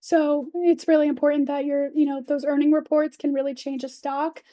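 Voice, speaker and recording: A young woman who is losing her voice works as a teaching assistant and gives tips to her class in a lecture classroom. Her voice sits high and mellow, with a level tone and normal speed. She speaks casually, using phrases like "kind of" and "you know."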